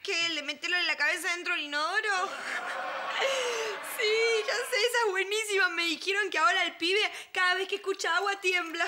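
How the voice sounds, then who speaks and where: A brassy young Argentine babysitter with a very high, piercing voice. She scolds the children and mocks them with a sharp Rioplatense edge. The sitcom track has a clear layer of noise under it. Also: brisk. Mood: gloating. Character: brash, sharp-tongued young woman working as a babysitter. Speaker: sitcom character. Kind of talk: sitcom acting.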